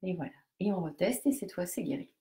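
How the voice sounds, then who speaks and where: A woman with a lowish, dark, expressive voice speaks quickly while leading a live coaching session. She instructs participants directly on a technique step by step, stumbling through many fillers and restarts.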